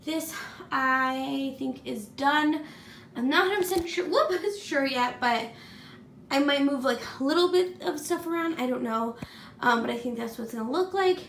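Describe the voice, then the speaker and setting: At normal speed, a high-voiced woman with vocal fry and a fairly bright tone chats through a home-tour vlog as she goes from room to room, with a little hiss or hum in the recording. She's pregnant, sometimes short of breath, and her rambling is full of ums and likes.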